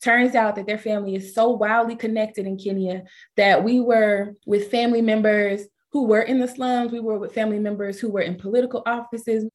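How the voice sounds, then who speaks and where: A woman from Georgia with a Southern accent, a travel company founder answering interview questions in a lively, storytelling way. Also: fairly quick. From Georgia, USA. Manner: animated, acts out quoted speech with pitch jumps.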